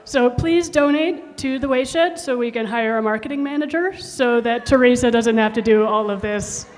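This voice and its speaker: A woman's voice: on the high side, moderate pace. A woman giving informal thank-you remarks at a live event. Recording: echoey hall, faint crowd noise. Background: light crowd ambience.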